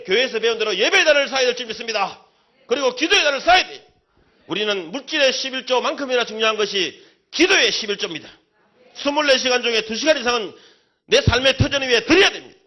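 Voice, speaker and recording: A man giving a fervent testimony sermon in church, swinging from loud preaching to chatty storytelling. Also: very high voice, lo-fi sound. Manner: chatty storytelling with local slang. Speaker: company chairman giving testimony. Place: church sanctuary.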